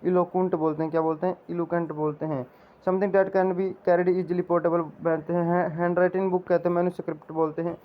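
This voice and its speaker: A man teaching vocabulary for exam prep. He drills each answer by repeating it and reads the definitions slowly. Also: sits high, level tone. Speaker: English teacher. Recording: slightly dull lo-fi audio with faint noise.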